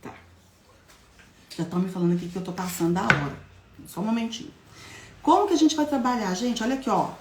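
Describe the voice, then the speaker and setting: A woman's voice: medium pitch, quick pace, long pauses, background noise. A woman giving a live teaching talk to an audience, explaining step by step and often asking them questions. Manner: demonstrates syllables in a lively, childlike classroom voice. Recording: echoey room sound.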